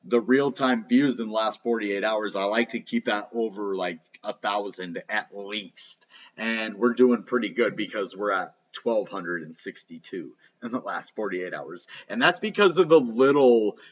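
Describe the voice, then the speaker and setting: A man's voice: lowish voice, unhurried. A man with missing front teeth hosting a casual, rambling crypto vlog, talking informally with lots of filler words. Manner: informal, rambling, filler-heavy, frequent "you know" and "like". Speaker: host of a crypto channel. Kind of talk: casual rambling vlog, live market commentary. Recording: slightly dull, lo-fi sound.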